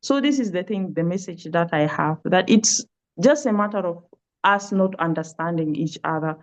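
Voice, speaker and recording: A woman's voice: fairly low pitch, lively intonation, moderate pace. A woman from South Sudan answering interview questions on a webinar, hesitant and searching for words. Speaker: pastoral care and trauma healing worker. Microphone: video call. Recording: dull lo-fi call audio.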